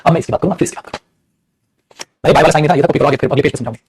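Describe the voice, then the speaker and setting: Male English teacher with a Bhojpuri-tinged Hindi accent, a husky voice and a quick classroom delivery that mixes Hindi and English. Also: on the high side, darkish tone. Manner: rapid, addresses students as beta, mixes Hindi and English. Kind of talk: classroom grammar lesson.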